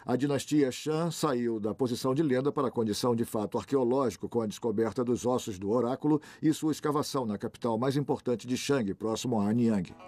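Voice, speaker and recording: A man gives a measured scholarly explanation as a documentary expert's voice-over. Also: medium pitch, darkish tone.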